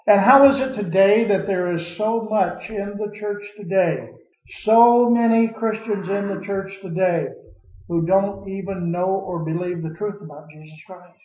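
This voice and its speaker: A man with a high voice leads a Bible study. He quotes scripture and puts questions to the class in a preacherly way. The recording is dull and echoey, as if taken in a church room.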